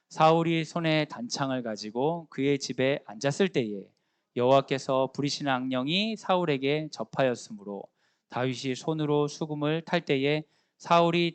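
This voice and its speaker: Lively man preaching with animated storytelling. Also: medium pitch, clear, resonant tone, no room sound. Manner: lively storytelling, acting out the characters' lines; asks the listeners questions directly. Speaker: school chaplain. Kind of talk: sermon.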